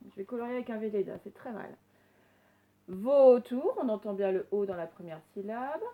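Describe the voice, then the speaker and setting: A woman teacher recording a reading lesson for young children, slowly sounding out words and giving gentle instructions. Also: on the high side, background noise. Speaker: primary school teacher.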